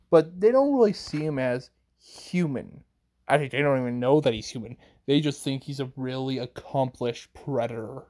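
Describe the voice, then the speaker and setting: A man narrates an improvised fan story at a slow, unhurried pace. His pitch sits in the ordinary middle range. He rambles through the action, restarting sentences and stacking one clause after another. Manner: rambling, chains events with "as", frequent restarts.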